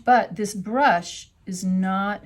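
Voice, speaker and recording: A woman's voice: mid-range voice, drawn-out words. A woman teaching a watercolor class, talking through each step as she paints. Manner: chatty, explains steps while painting. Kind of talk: live class demonstration.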